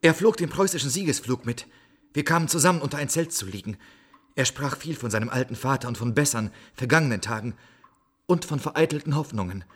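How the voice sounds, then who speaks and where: A solemn stranger bearing grim news in a classic radio play. His husky, mid-pitched voice tells the tale with measured gravity. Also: expressive. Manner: solemn storytelling.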